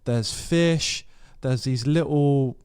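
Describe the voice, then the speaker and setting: An English man on a casual podcast, telling a lively anecdote with the odd swear word. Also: mid-range voice, slow, clean tone. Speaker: podcast co-host. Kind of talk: casual chat.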